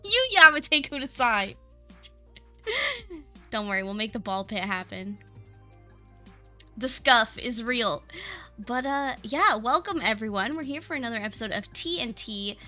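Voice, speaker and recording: Bright, bubbly woman streamer with music behind. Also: on the high side, moderate pace. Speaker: VTuber streamer hosting a talk show. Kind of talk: casual livestream chat.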